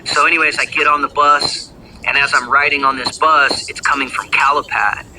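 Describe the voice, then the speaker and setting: A former gang member tells his own story casually, rambling with fillers and lots of slang and swearing. His voice is a little high and level in tone, at normal speed. There's a noisy background.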